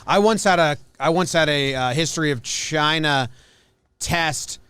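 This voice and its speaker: Joking fast-talking young guy. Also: a little high, pushed and bright, clean tone, no echo. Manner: quick, joking, laughs often. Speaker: podcast co-host. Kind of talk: casual comedic banter.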